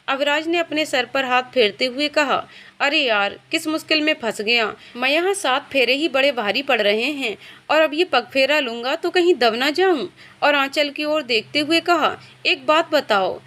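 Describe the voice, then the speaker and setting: A woman narrates a romantic drama in a high voice. She reads the dialogue of every character without changing much from her narrating tone, in a smooth, scripted storytelling manner. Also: pushed and bright. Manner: reads all the characters' lines in her own voice.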